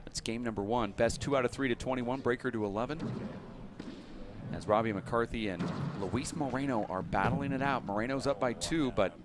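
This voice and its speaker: A man's voice: medium pitch, normal speed. A man doing live play-by-play commentary at a handball match, chatty and upbeat, trading banter with his co-commentators. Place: handball show court. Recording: noisy live event broadcast.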